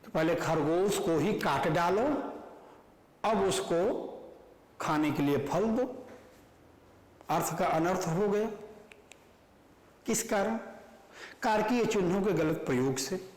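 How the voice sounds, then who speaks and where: A man teaching Hindi grammar in an online class, lively and animated, stressing words in his examples. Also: sits high, slow, pauses often. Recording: echoey room with long reverb.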